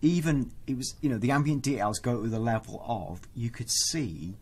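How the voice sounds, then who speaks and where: A man's voice: mid-range voice, moderate pace, breathy edge. A man co-hosting a casual podcast, describing things enthusiastically with lots of fillers. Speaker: co-host.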